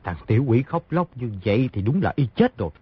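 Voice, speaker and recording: A man's voice: medium pitch, very animated, fairly quick, husky, no room sound. A man voicing a cocky, greedy smuggler thug in an audiobook, with a sneering way of talking. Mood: gloating. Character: two male salt-smuggler thugs, greedy, cocky. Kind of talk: audiobook character voice. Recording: dry, slightly dull lo-fi audio.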